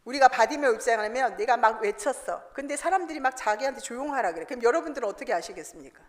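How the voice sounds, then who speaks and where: A woman preaching a sermon in a church, animated and asking the congregation questions that she answers herself. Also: a little high, racing. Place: church sanctuary. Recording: reverberant church hall.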